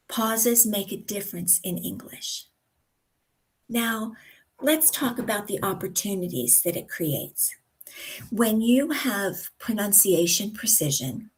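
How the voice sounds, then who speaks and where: An American woman coaching pronunciation, speaking deliberately and drawing out example words with careful articulation. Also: mid-range voice, poor audio. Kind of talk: instructional talk to camera.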